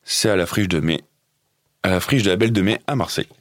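Man, radio music news host, casual chat, lowish pitch, lots of fillers. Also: quick pace. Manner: chatty, many fillers and restarts.

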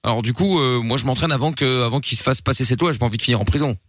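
A man's voice: mid-range voice, fairly bright tone, dry recording, studio quality. A man hosting a late-night radio show, joking loosely with his co-hosts and swearing casually. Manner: fast, jokey, swears casually. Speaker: radio host. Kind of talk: joking live radio banter. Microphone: studio microphone.

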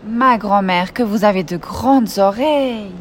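A woman reading a storybook aloud, voicing a naive, trusting little girl with a bright, eager delivery. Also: medium pitch, unhurried, a little hiss or hum, natural voice. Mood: wondering.

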